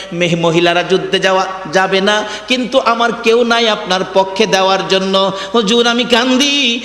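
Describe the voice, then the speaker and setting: A man's voice: high voice, a bit bright. A man voicing a grieving young mother who wails and pleads in a sing-song tone. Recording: echoey hall with long reverb.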